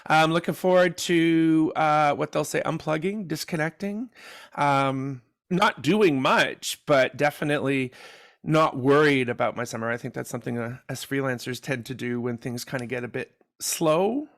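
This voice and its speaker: Man, fifties, podcast co-host, casual, joking, gravelly. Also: on the high side, moderate pace, fairly bright tone. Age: 50s. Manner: joking, rambling with fillers. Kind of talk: casual chat.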